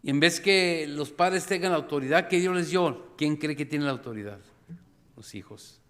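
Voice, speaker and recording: A middle-aged man preaching a sermon as pastor, animated, acting out scenes with sudden cries and calling the congregation brothers and sisters. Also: fairly high pitch, moderate pace. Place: church sanctuary. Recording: long reverb of a church hall.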